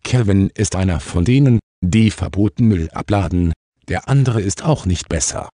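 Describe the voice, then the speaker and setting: A man's voice: low-pitched, moderate pace, dark tone, no echo, studio quality. A man doing a friendly village policeman. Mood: easygoing.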